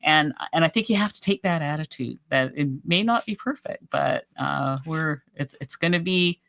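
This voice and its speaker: A woman's voice: low-pitched, lively intonation, moderate pace, gravelly, a bit bright. A woman hosting a casual live stream who answers viewer comments in an encouraging way. She often restarts and repeats her words, and says she is losing her voice.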